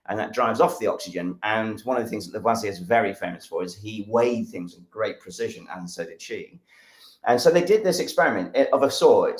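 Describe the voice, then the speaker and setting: Brief: English male science educator, low-ish voice, enthusiastic and rambling, live demo, echoey room. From England. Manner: enthusiastic, rambling, many fillers. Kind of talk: live-streamed science demonstration.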